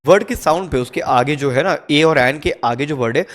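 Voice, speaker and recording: A man with an Indian accent, teaching an English grammar lesson in a chatty way, slowly repeating each rule and often checking in with his viewers. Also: fairly high pitch. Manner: chatty, repeats "theek hai" often, drills rules slowly. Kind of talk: casual spoken grammar lesson.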